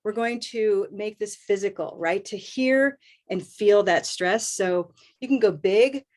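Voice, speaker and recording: A woman's voice: medium pitch, darkish tone. Upbeat woman teaching pronunciation. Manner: upbeat, drills words by repeating them slowly. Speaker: host and English pronunciation teacher. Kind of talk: live online pronunciation lesson.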